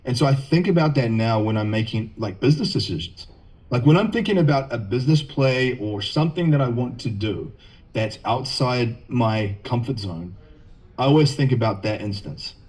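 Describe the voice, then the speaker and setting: A man's voice: mid-range voice, animated, normal speed, a little mellow. A man from New Zealand with a New Zealand accent, a podcast guest talking in an easygoing, loose and chatty way. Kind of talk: casual podcast chat.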